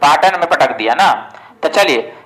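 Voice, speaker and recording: A man speaks at a moderate pace with a fairly high, expressive, slightly bright voice, captured on a rough recording. He's an exam coaching teacher casually going through exam-prep history, posing and answering questions himself and often saying "ठीक है".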